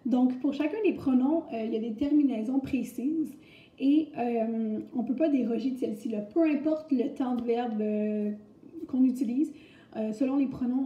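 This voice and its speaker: A young woman with a Québécois French accent giving a recorded grammar lesson, explaining step by step in a chatty way with many fillers. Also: fairly high pitch. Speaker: French teacher. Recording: echoey, muffled room recording.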